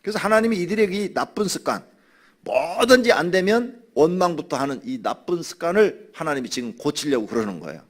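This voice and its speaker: A man teaches scripture to his congregation in a relaxed, conversational sermon. His pitch moves around a great deal as he explains. He stops now and then to act out grumbling people. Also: fairly quick. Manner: drinks water while speaking. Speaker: pastor. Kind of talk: Bible study sermon.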